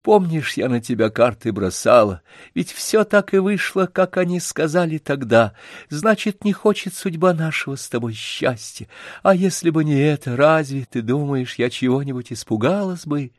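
A man reading an audiobook voices a gentle young village girl who speaks softly and earnestly. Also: a little high, expressive, normal speed, no echo, clean studio sound, voice pushed up, close to an everyday voice.

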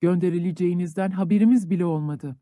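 A man's voice: sits high, quick pace, mellow, no echo, studio quality, close to an everyday voice. A man voicing a timid peasant who asks puzzled questions.

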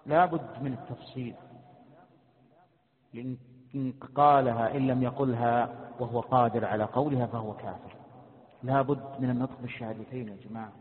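A sheikh teaching a creed class, quizzing his students and repeating his questions in a mix of colloquial and formal speech. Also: mid-range voice. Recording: tinny phone-like lecture recording in a reverberant hall.

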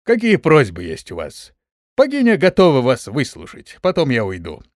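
A man voicing a stern male holy preacher, commanding in a loud, slow voice in an audiobook. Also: medium pitch, huge pitch swings, no room sound, clean studio sound.

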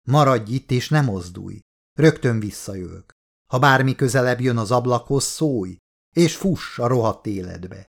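A man's voice: mid-range voice, lively intonation, vocal fry. A man reading the lines of a tense man giving urgent orders during a siege, in a horror audiobook. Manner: commanding, urgent.

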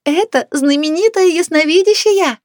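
A woman reading aloud, voicing a loud, brash, overbearing woman of about sixty who shrieks her lines. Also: high voice, very animated, measured pace, no echo, clean studio sound, voice pushed up. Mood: shrieking. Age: 60s.

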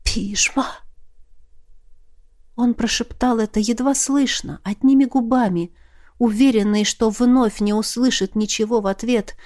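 A woman reading a novel aloud in a measured, expressive narration. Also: fairly high pitch. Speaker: audiobook reader. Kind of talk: scripted narration.

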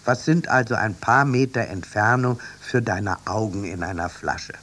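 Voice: medium pitch, normal speed, a bit bright, close to an everyday voice. A reader voicing a kindly, caring ship captain who reassures his sister in a children's radio story. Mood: reassuring.

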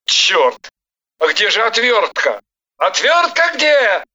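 A woman voicing an irritable young man who keeps shouting in exasperation, in a story reading. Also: fairly high pitch, lively intonation, slow, lo-fi sound, pitched above the performer's own voice, heavily acted. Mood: exasperated.

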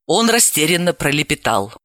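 A woman narrating a novel in an expressive, brisk storytelling manner. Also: low-pitched, no room sound, studio quality. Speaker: audiobook narrator. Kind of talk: scripted narration.

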